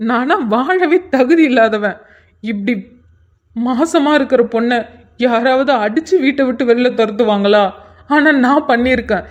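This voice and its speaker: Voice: medium pitch, normal speed, muffled recording, close to an everyday voice. A performer voicing a remorseful young husband in a cartoon, pleading and blaming himself. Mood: anguished. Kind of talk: cartoon voice acting.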